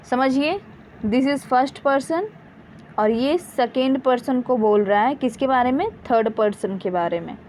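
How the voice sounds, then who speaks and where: A woman's voice: on the high side, normal speed, few pauses, a little mellow, a little hiss or hum, rough recording. A woman with an Indian accent explaining English grammar, patiently reading example sentences aloud and correcting herself. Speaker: English teacher. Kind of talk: Hindi-language grammar lesson.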